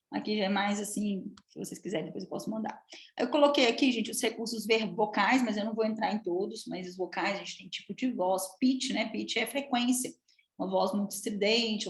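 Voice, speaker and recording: A woman from Minas Gerais with a Minas Gerais accent, a public speaking coach giving a lively, chatty live talk and addressing the audience often. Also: medium pitch, echoey room. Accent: Minas Gerais Portuguese. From Minas Gerais, Brazil. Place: room with an audience.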